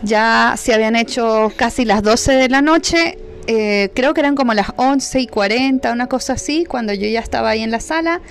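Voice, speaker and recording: A woman tells a personal story in a relaxed, chatty way, laughing as she goes. Her voice sits a little high and has a gravelly, fry-tinged texture. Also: moderate pace, slight background noise. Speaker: new mother telling her birth story. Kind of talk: casual storytelling to camera.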